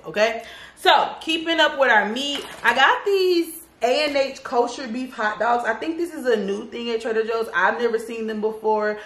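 A sassy, talkative woman in her thirties walks through a grocery haul in her home kitchen, calling viewers y'all and baby in a casual vlog. Her voice is mid-range and a bit bright, and the kitchen sounds echoey.

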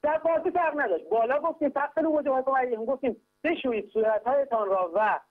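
A man calling in to teach a religious text lesson, explaining grammar patiently and step by step, repeatedly urging listeners to pay close attention. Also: very high voice. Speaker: caller teaching Quran grammar. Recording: tinny phone line with hum.

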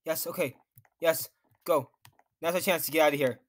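A man's voice: fairly high pitch, fairly even intonation, normal speed. A young man commenting nervously on his own gameplay as a YouTuber, talking to himself and reacting to what happens on screen. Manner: jittery, nervous, talks to himself while playing. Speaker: gaming YouTuber.

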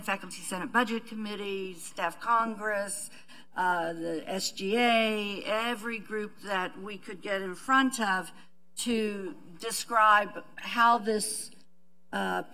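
Seated at a table in a conference room, a middle-aged woman who works as a university administrator gives a measured panel presentation with many fillers and restarts. Her voice is mid-range and sharp, and the recording is rough.

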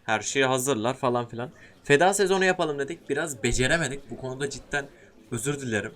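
Excitable young man narrating gameplay. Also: mid-range voice, quick pace. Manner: excitable, slangy, talks to the game and viewers. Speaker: gaming YouTuber. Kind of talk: casual gameplay commentary.

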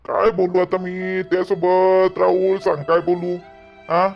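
A man's voice: high-pitched, completely flat delivery, unhurried, gravelly. A young man playing a son in a village family skit, talking in a pleading, soothing way. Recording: dull lo-fi recording, faint music.

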